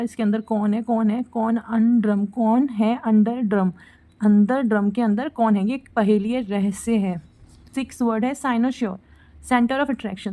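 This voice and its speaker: A woman's voice: on the high side, darkish tone. A young woman teaching vocabulary for exam preparation, explaining each word with a memory trick and a short made-up story. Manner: explains word tricks with little stories, acts out quotes. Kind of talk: exam-prep vocabulary lesson.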